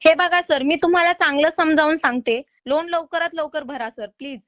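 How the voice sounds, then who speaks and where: Calling to collect on a loan, a woman speaks briskly in a high, slightly bright voice, polite yet insistent and plainly exasperated. The phone audio sounds a bit dull and carries no echo.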